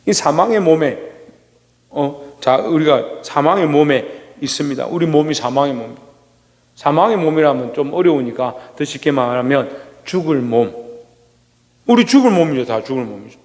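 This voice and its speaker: Male pastor preaching to his congregation, pitched a bit high. He poses questions and answers them, rising to loud bursts and dropping to quiet asides, with a long church-hall reverb. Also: lively intonation, moderate pace. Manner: swings between loud, rising exclamations and low asides. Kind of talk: sermon. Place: church sanctuary.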